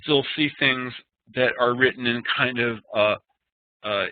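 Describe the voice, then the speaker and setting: A man's voice: mid-range voice, fairly even intonation, unhurried, dry recording. A man teaching a Sanskrit class over a web meeting, patiently explaining pronunciation and chanting verses. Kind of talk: online class lecture. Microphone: web conferencing call. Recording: tinny phone-like web meeting audio.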